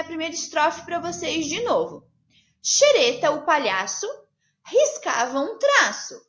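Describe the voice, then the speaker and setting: A woman teaching young children, asking them questions in a slow, sing-song way. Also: high-pitched, a bit bright, roomy sound, highs cut off. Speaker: primary school teacher. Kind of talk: online lesson for young children.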